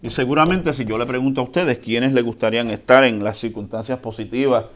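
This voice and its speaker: Man, pastor, sermon, chatty preaching, quiet then loud, average pitch. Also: fairly quick, a little hiss or hum. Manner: conversational preaching, asks the congregation for responses; lively swings between soft and loud, with chuckles.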